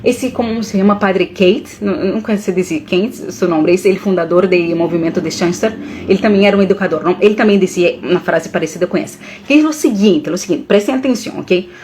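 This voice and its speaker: A woman holds forth on a live stream, drifting between Portuguese and as she goes. Her talk is animated and earnest, and at moments she is moved by her own words. Her voice sits at an ordinary middle pitch. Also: brisk, a little hiss or hum. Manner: animated, mixes Portuguese and Spanish, emotional.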